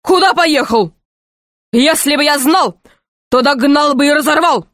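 A woman's voice: sits high, a little slow, a bit bright, dry recording, clean studio sound, pitched above the performer's own voice. A woman voicing a pompous, boastful middle-aged knight, a marquis, who speaks in a grand, self-important way. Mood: indignant.

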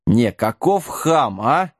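A man's voice: medium pitch, big pitch swings, slow, slightly rough, no room sound, studio quality, heavily acted. Male reader as a cranky, indignant old-school wizard; grumbling.

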